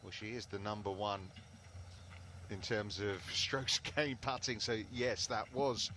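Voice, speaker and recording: Lowish-voiced man golf commentator. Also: measured pace, pushed and bright. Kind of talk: conversational live golf commentary. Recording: clear outdoor ambient noise.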